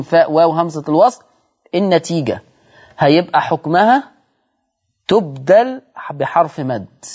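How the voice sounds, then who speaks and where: A man's voice: on the high side, darkish tone. Egyptian male Quran teacher, dull lo-fi audio. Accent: Egyptian Arabic. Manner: explains step by step, repeats points, asks viewers rhetorical questions. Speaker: Quran recitation teacher and show host. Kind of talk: televised Quran recitation lesson.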